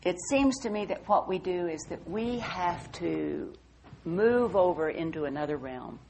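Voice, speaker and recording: An older woman with a drawl gives a talk at an unhurried pace, her voice low and touched with a gravelly fry. She speaks in a warm, folksy way and turns measured when she recites verse. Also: lively intonation, a little hiss or hum. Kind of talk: reflective spoken talk with poetry reading.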